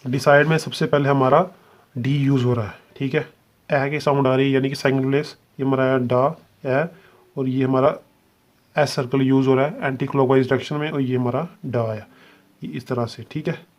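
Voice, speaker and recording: A man's voice: medium pitch, fairly even intonation. A man teaching a shorthand lesson step by step, patiently spelling out each sound and checking understanding. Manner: patient, repeats "ठीक है" and spells sounds out slowly.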